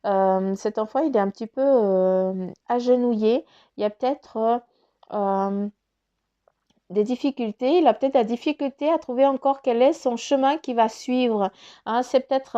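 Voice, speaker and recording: A woman's voice: medium pitch, dark tone, clear, resonant tone, dull audio. A woman giving a casual spoken card reading, rambling with many fillers and restarts, her nose stuffy from crying. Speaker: spiritual card reader.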